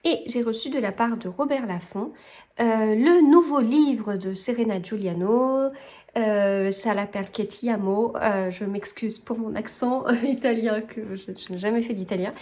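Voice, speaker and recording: A woman talking about books in a casual vlog, her voice sitting a touch high. She chats on loosely, trailing off and restarting her sentences as she corrects herself. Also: a little slow, darkish tone. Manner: chatty, rambling, self-correcting. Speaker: book vlogger. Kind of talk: casual book chat.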